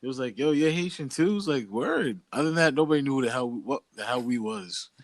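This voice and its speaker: Talking fast and animated at a medium pitch, this young podcast co-host from Boston, USA tells loose, slangy stories in a relaxed, chatty style. The recording is dry.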